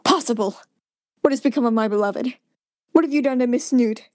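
An actor playing a bumbling, pompous hero in a 1950s radio comedy, protesting melodramatically. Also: male voice, extremely high pitch, a little fast, dry recording, studio quality. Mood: indignant.

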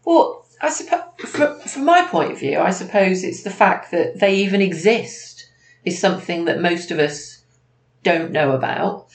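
A woman's voice: fairly low pitch, animated, unhurried. A woman co-hosting a podcast in a casual, conversational business chat. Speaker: podcast co-host. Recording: echoey room, background noise.

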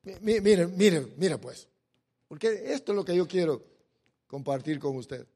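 High-voiced impassioned male preacher. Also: lively intonation, a little slow, slightly rough. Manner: impassioned, swings from loud pleading to quiet asides; repeats "mire" to address listeners. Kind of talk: sermon.

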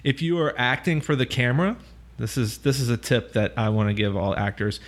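A man's voice: medium pitch, brisk. A man hosting a casual podcast, playful and joking as he reads out listener mail and introduces guests. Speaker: podcast host.

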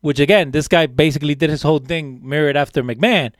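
A man co-hosting a casual wrestling chat, voice pitched a bit high and recorded close and dry. He talks with enthusiasm and rambles through long turns, restarting his sentences. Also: quick pace, no echo. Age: older than co-hosts. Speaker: podcast co-host.

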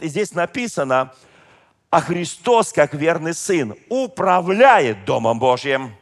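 A middle-aged man, a pastor and bishop, preaching an emphatic Pentecostal sermon that drops at times into quiet asides. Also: fairly high pitch.

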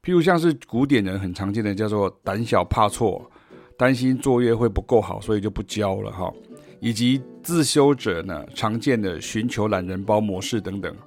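A man's voice: lowish voice, lively intonation, moderate pace, a little mellow. A man from Taiwan with a Taiwanese Mandarin accent, giving a podcast music lesson as a jazz teacher and explaining points with sung rhythm syllables.

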